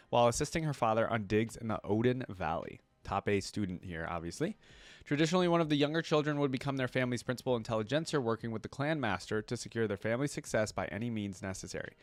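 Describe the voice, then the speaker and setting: The host of a lore reaction video for game characters speaks at a medium pitch on a dry recording. He reads text aloud, cuts in with his own remarks and keeps the commentary casual and enthusiastic.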